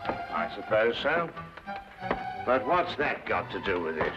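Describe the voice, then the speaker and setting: Doctor Watson, flustered, swooping English gentleman. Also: on the low side, sing-song, unhurried. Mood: doubtful. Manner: protesting, flustered, proper. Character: fussy, easily alarmed male doctor, loyal sidekick. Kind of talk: old-time radio drama acting. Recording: dull old radio recording, music behind.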